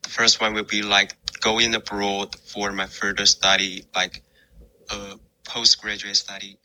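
Flat-toned young man. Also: fairly low pitch, measured pace, low-quality recording. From China. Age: 20s. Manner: casual, with fillers. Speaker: listener.

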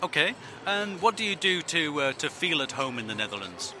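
A man hosting a podcast, asking passers-by brisk questions and narrating between interviews. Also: fairly high pitch, sing-song, background noise. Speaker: podcast host. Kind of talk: street interviews and scripted narration.

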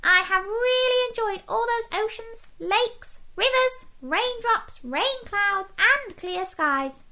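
Woman doing a very high squeaky little crayon, tired and stubby, slow bright voice, storybook. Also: animated, exaggerated voice. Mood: weary. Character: tired worn-down stubby blue crayon, male. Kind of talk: children's storybook reading.

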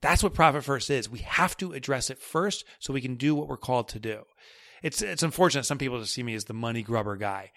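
A man guest on a podcast interview, talking in an energetic, emphatic way and building his points step by step. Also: mid-range voice, fast, dry recording, studio quality. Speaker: guest author.

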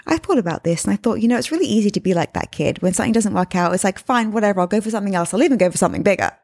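An English woman in her thirties, a podcast host and life coach, tells a story in a chatty monologue and calls her listeners her friends. Her accent mixes English and Australian, and her medium-pitched, slightly mellow voice is expressive and rapid-fire.

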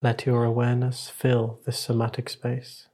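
A man guides a meditation practice as its teacher, his voice calm and measured with a slightly husky grain. The pitch stays nearly level, and long pauses separate his short instructions.

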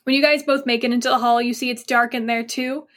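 A woman's voice: on the high side, steady tone, fast, fairly bright tone. A woman narrating a tabletop game as game master. She is chatty, searches for words and laughs easily.

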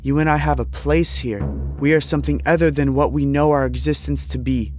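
A man's voice: on the high side, steady tone, fairly quick, darkish tone, faint music behind, natural voice. A man playing an earnest, haunted visionary in an audio drama, speaking with solemn intensity and formal diction. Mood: convinced, insistent. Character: earnest, haunted young male visionary, convinced of destiny.

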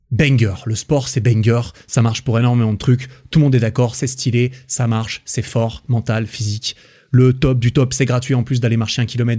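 A man's voice: mid-range voice, mellow. A man hosting a solo podcast, talking informally with slang, frequent restarts and fillers. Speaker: podcast host. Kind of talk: casual solo podcast monologue.

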